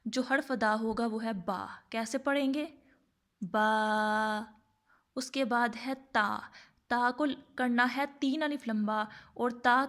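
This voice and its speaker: A woman teaching a Quran reading lesson, her voice sitting a little high. She asks her own questions and answers them in the same breath. She draws each letter sound out slowly and deliberately to demonstrate it. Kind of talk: tajweed lesson.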